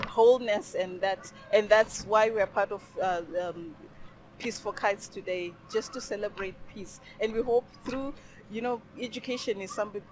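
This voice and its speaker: A woman's voice: medium pitch, slight background noise, low-quality recording. A woman from Zimbabwe speaking for a charity at an outdoor event, thoughtful and hesitant, with many fillers. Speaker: charity representative.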